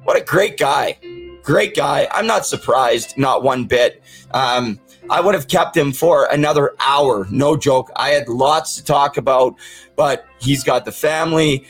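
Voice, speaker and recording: A man's voice: medium pitch, measured pace, a bit bright, slightly rough, faint music behind, poor audio. A man with the toothless speech of someone missing his teeth, hosting a podcast and talking casually, earnestly and plainly to his viewers. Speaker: podcast host. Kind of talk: casual, sincere talk to viewers.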